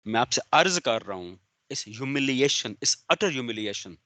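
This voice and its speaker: A man's voice: mid-range voice, lively intonation, normal speed, pushed and bright, no room sound. A male business law lecturer, giving an online class, stern and sarcastic as he calls on students by name. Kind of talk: online lecture, scolding and explaining.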